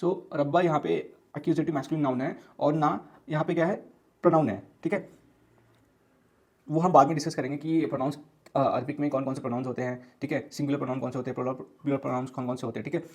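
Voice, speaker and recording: A man's voice: on the high side, steady tone. Man teaching with patient repeats. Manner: explains slowly with many repeats and fillers; mixes English words into his talk. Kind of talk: casual online lesson.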